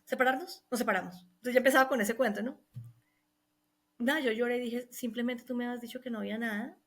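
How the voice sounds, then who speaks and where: A middle-aged woman giving an emotional personal testimony, recounting events earnestly and quoting the people involved. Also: a little high. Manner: earnest, recounting with quoted dialogue. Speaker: guest telling her testimony.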